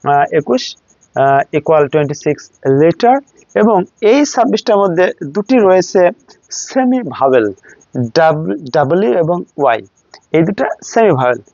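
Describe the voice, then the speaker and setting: A man with a Bangladeshi accent teaching English letter pronunciation, repeating each letter slowly in a classroom style. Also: a little high, big pitch swings, a little mellow, dry recording. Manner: slow, drilling letters one by one. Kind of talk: classroom lesson. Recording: dull, dry sound.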